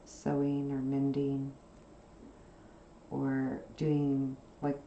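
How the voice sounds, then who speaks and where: A woman hosting a craft channel, chatting casually and softly while she sews, rambling from one subject to the next with plenty of fillers. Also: very deep voice, monotone, very slow, echoey room, muffled recording, slight background noise. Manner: rambling, soft-spoken, with frequent fillers. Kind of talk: casual chat while sewing.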